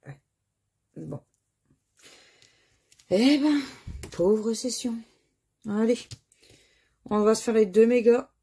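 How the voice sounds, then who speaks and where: Gravelly-voiced French woman scratching tickets. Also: fairly high pitch, animated, slow pace, pauses often, dark tone. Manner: chatty, talks to viewers, reads letters and words aloud. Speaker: YouTuber scratching lottery tickets. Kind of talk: casual commentary while scratching tickets.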